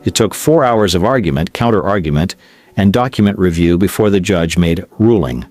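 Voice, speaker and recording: A man narrating a drama story in a measured, expressive way. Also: low voice, dry recording. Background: faint music.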